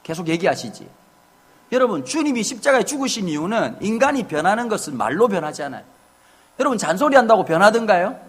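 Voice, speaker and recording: A man's voice: high voice, fast, husky. A middle-aged man preaching a sermon to his church, telling humorous family stories and acting out what his wife and children say. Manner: humorous, animated storytelling with acted family quotes. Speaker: pastor. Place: church sanctuary.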